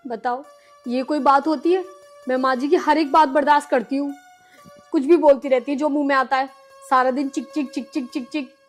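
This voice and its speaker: An actress playing a patient, pleading young daughter-in-law in a village film drama. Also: female voice, high-pitched, fairly even intonation, brisk, faint music behind, natural voice. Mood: upset. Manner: pleading, long-suffering.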